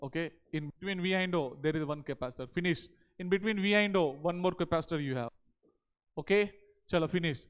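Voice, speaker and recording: A man with an Indian accent teaches a class in a high, smooth voice. He lectures step by step and keeps checking in with short questions. The sound is clean, spoken into a headset mic. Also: brisk, lo-fi sound. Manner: repeated check questions and tag words. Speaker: physics teacher. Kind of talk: board lecture to exam students. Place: indoor teaching studio at a digital board.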